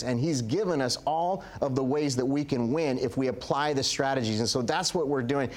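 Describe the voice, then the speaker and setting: Earnest man preaching in an interview. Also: mid-range voice. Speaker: guest preacher and teacher. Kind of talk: religious talk show interview.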